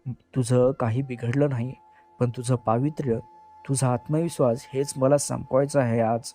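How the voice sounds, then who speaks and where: A cold, cruel abductor speaks with quiet menace in an audio storybook, as the male narrator puts him on. His tone is dark and mellow, never raised. Faint music sits behind him. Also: mid-range voice, fairly even intonation, moderate pace, lightly acted. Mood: cold menacing.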